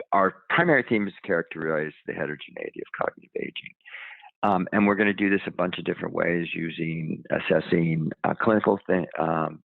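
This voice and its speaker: Deep, gravelly male research presenter phoning in; halting delivery, dry phone sound. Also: dry recording. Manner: halting, with many ums and restarts. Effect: heard over the phone. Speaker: research center director presenting. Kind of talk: academic presentation. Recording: tinny phone line, dry.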